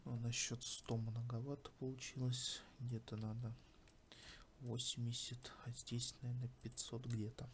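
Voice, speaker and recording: Male tutorial host, low-key and muttering, slow pace, little pitch movement, casual screen-recording feel. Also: flat delivery. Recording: faint background noise.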